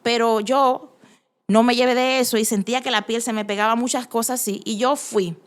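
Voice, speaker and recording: A woman's voice: fairly high pitch, steady tone, normal speed. A woman, telling her personal faith testimony in an earnest, emphatic way, often restarting her sentences. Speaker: testimony giver.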